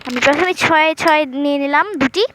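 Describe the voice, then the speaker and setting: A woman doing chatty voice-over commentary on a game, talking quietly into an earphone mic at home so she won't wake anyone. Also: high-pitched, a little fast, slight background noise. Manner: talks quietly so as not to wake her sleeping parents; chatty, keeps addressing viewers. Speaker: gaming channel host. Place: room at home at night. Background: game music.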